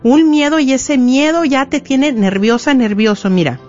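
Woman preacher, fairly high voice, emphatic and direct, lo-fi recording with faint music under. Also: moderate pace, darkish tone. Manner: emphatic, addresses listeners directly. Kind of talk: sermon.

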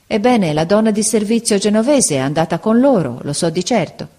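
A woman voicing a kindly older man in a storybook reading, calm and compassionate. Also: mid-range voice, brisk, voice pushed up, close to an everyday voice. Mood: pitying. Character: kindly older bearded man, Spanish-speaking.

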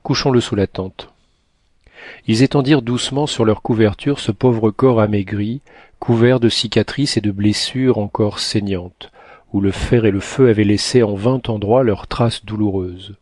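Male narrator, scripted audiobook reading, measured, fairly low voice, dry recording. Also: steady tone, darkish tone, dry recording.

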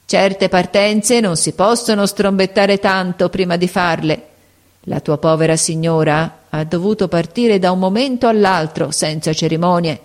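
A woman doing a sharp-tongued old concierge. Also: fairly low pitch, steady tone, moderate pace, close to an everyday voice. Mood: ironic. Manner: ironic, imperious. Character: ironic, suspicious older woman concierge.

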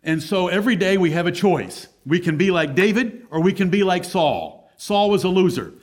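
A man's voice: high voice, lively intonation, normal speed, a little mellow. A man preaching a sermon as pastor at a pulpit microphone, emphatic and blunt.

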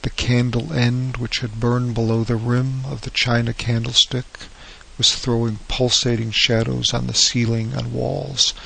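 A male narrator reading a classic horror story in a steady, even way. His voice is deeply gravelly and very husky, with a flat, level melody. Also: a little slow, low-quality recording.

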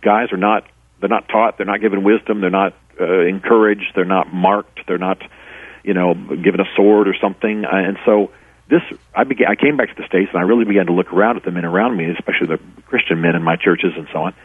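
A man's voice: sits low, fairly even intonation, fast talker, husky, dry recording. A middle-aged man, an author and former pastor, telling stories earnestly in a radio interview with many restarts. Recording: tinny phone line, dry.

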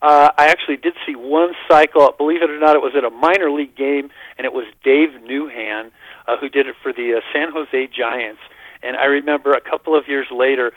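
An older man's mid-range voice, fairly even in intonation and a little fast, comes through a dull, lo-fi phone line without echo. He's a radio guest in a casual chat, reminiscing about baseball with rambling enthusiasm.

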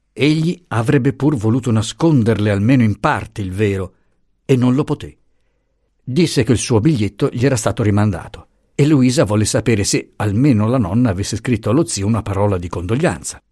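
A man narrating an audiobook chapter with expressive, dramatic storytelling. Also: on the low side, breathy edge, no echo, clean studio sound.

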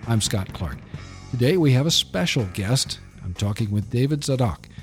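A man hosting a podcast interview, speaking in a measured way with some hesitations. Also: mid-range voice, lively intonation, soft background music. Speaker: podcast host.

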